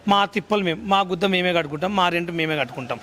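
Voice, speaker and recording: A man's voice: sits high, rapid-fire, fairly bright tone. A man speaking bluntly and firmly, dismissing any link to a former associate. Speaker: interviewee. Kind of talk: casual interview statement.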